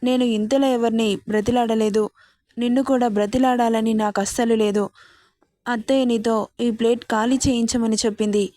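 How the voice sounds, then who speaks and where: A woman's voice: fairly high pitch, fairly even intonation, normal speed, dark tone, no echo, clean studio sound, natural voice. A woman voicing a tearful, stubborn fifteen-year-old bride who pleads and talks back like a child. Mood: defiant.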